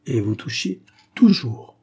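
A man's voice: mid-range voice, sing-song, creaky, a little mellow, slightly rough, full character voice. A man reading a self-assured, courtly explorer. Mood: courteous. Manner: measured, self-assured, formal. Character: composed male explorer, confident and courteous.

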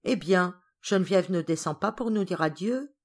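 A woman's voice: lowish voice, expressive, normal speed. A woman voicing a brusque, busy father in an audiobook. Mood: curt. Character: gruff grumpy father, curt and busy.

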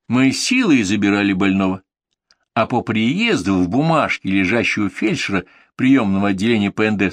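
A man's voice: on the low side, no room sound. A man narrating a story in a dry, ironic, matter-of-fact way. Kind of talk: audiobook narration.

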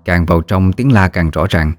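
A man narrating a ghost story in a steady, measured storytelling voice. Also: low voice, no echo, soft background music.

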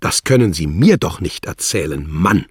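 A man voicing a scornful, threatening embassy secretary with a guttural, rasping snarl. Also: sits low, very animated, a little slow, no room sound, clean studio sound, pitched above the performer's own voice, full character voice. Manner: mocking, threatening, condescending. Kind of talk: audiobook character voice.

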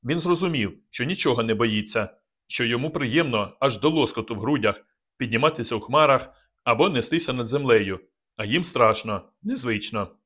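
Guy narrating an audiobook, calm and measured, mid pitch. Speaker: audiobook reader. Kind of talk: scripted narration.

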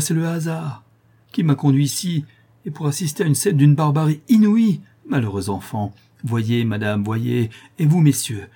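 A man's voice: medium pitch, dark tone, husky, voice pushed up. A man doing an outraged old count. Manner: impassioned, pleading. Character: indignant elderly nobleman, fierce protector.

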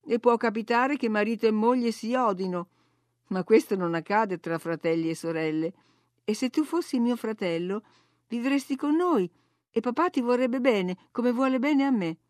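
A woman's voice: a little high, expressive, normal speed, darkish tone, no room sound, clean studio sound, lightly acted. Woman playing a fiery teenage girl. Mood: earnest. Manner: earnest, then hotly indignant. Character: headstrong, quick-tempered teenage girl. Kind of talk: audiobook reading.

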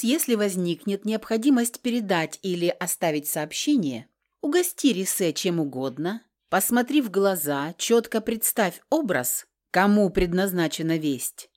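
A woman's voice: mid-range voice, darkish tone. Woman reading as a patient protective man.

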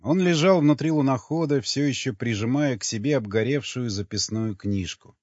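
A man narrating an audiobook in a measured, even reading with a husky voice. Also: medium pitch, no room sound. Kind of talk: scripted narration. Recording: dull, dry studio sound with faint music.

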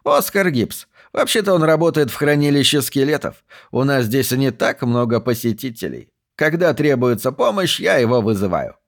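A man voicing an excitable, talkative old male museum archivist who snorts as he speaks, in a raised voice. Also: medium pitch, moderate pace. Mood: eager.

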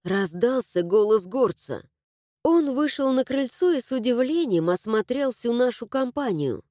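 A woman narrating a first-person fantasy audiobook in an expressive storytelling manner. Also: fairly high pitch, a little slow, dry recording, clean studio sound.

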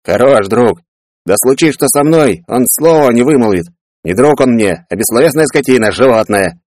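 A man voicing a greedy, brash grown brother who talks loud, wheedling and boastful. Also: mid-range voice, animated, normal speed, no echo, clean studio sound, pitched above the performer's own voice, natural voice.

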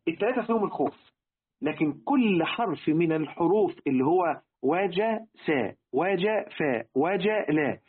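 A man's voice: a little high, breathy edge. A man with an Egyptian accent gives a religious lesson on word meanings, asking his listeners rhetorical questions and repeating key words. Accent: Egyptian Arabic. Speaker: religious teacher. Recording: tinny, phone-like lo-fi recording.

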